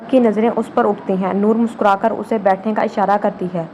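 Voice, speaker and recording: A woman narrating a novel as an audiobook, in a calm, even storytelling manner. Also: medium pitch, a little hiss or hum. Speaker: novel reader.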